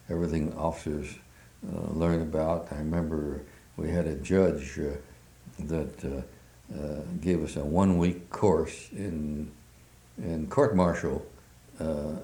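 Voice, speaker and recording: The recording, roomy and echoey, captures an older man sharing his memories in an oral history interview. His voice is extremely deep and mellow, and his speech comes haltingly, with frequent hesitations filling the pauses.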